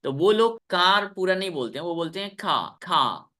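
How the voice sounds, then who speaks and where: A man with an Indian accent teaching English in an online class over a video call, drilling words slowly and repeating each one three times, stern with his pupils. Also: high-pitched, a bit bright. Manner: stern with students.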